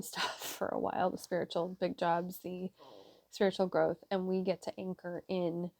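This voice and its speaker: A woman's voice: lowish voice, darkish tone, dry recording. A woman giving a casual tarot reading to her viewers, chatty and rambling with many fillers. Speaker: tarot reader.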